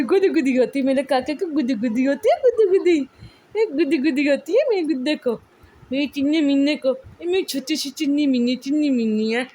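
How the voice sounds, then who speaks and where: High cooing young mother. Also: a little mellow. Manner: cooing sing-song baby talk. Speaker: mother talking to her baby. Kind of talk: baby talk to an infant.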